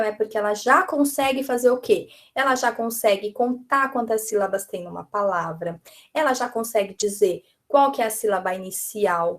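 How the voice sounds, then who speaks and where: A woman with a São Paulo Brazilian accent explaining teaching ideas in an online teacher training, talking in a chatty, explanatory way with many "né?" and "tá?". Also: a little high. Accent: Brazilian Portuguese, São Paulo. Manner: explanatory, uses diminutives and frequent "né?" and "tá?". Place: live stream presentation.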